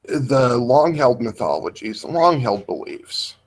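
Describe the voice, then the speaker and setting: This man's ordinary mid-range voice is sing-song with a breathy edge. He speaks slowly in a livestream discussion, halting frequently as he searches for words and feels his way toward each point.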